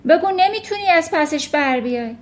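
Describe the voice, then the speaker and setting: A woman reading a children's audiobook, voicing a bullying, towering headmistress who shouts and sneers. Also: sits high, lively intonation, pitched above the performer's own voice. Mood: scornful bellowing. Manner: shouting, scornful, bellowing.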